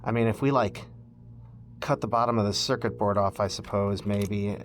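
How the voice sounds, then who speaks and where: Speaking at a moderate pace in a lowish, steady voice, the host of a DIY electronics video guides viewers through a hands-on project. He's informal, musing aloud while working with the parts.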